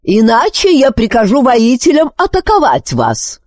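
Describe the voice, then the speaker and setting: A woman's voice: wildly swooping pitch, a little slow, a little mellow, slightly rough, no echo, studio quality, exaggerated voice. A woman voicing a proud, cunning, hot-tempered queen who talks in an imperious tone. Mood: scornful. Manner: imperious, shrill when angered.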